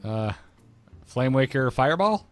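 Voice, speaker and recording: A man's voice: medium pitch, lively intonation, a little slow, soft background music. A man hosting a video game session, giving casual commentary as he plays with a co-host.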